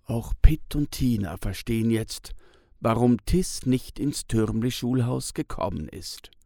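A man narrating a children's story in a slow, expressive reading. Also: medium pitch, gravelly, dry recording, clean studio sound.

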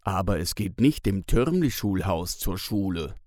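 A man reading a children's story aloud in a slow, deliberate, lively way. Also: low-pitched, no room sound, clean studio sound. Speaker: narrator.

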